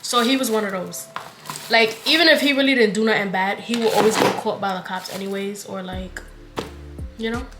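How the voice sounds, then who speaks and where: A woman's voice: medium pitch, a little fast, echoey room, noisy background. A woman in her twenties, a vlogger telling a story in casual, slangy chat and acting out the dialogue. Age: 20s. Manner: animated, slangy, retelling with quoted dialogue.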